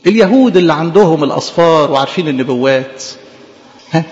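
A man with an Egyptian accent preaching a sermon in an animated, conversational way, full of rhetorical questions. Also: high voice, fast talker, vocal fry, big-room sound, muffled recording. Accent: Egyptian Arabic.

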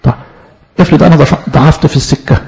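Brief: male Egyptian preacher, high husky voice, dull lo-fi sermon recording. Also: fairly even intonation, fast, darkish tone. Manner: rhetorical questions, voices the soul's own words. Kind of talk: sermon on scripture.

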